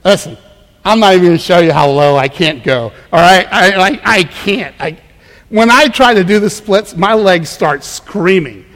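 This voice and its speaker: A man's voice: high-pitched, animated, normal speed, fairly bright tone, in a large hall. A man preaching a conversational sermon as a pastor, emphatic and prone to repeating words as he goes. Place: church.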